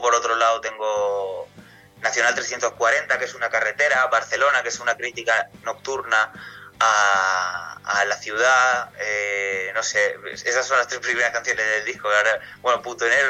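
Bright-voiced singer from Castilla-La Mancha. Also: male voice, medium pitch, rough recording. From Castilla-La Mancha, Spain. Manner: rambling, casual, many restarts and fillers. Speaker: singer, interview guest. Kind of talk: radio interview answers.

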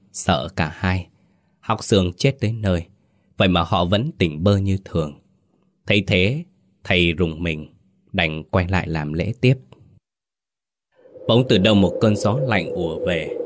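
Deep-voiced man narrating a ghost story.

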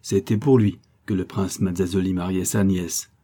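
A man reads a classic novel aloud in a steady, measured way. His voice is low and mellow, with a husky grain. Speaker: audiobook narrator. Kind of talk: scripted narration.

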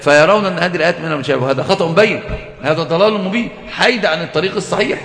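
A high-voiced man teaches a classical religious text at a brisk pace. He is emphatic and keeps asking his listeners rhetorical questions. The sound is roomy, with a long hall reverb. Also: fairly bright tone. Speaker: Islamic scholar teaching a text. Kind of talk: religious lecture. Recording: echoey hall.

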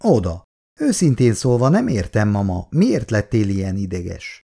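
A man voicing a calm, reassuring grown son who is kind to his parents. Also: lowish voice, gravelly, slightly rough, full character voice.

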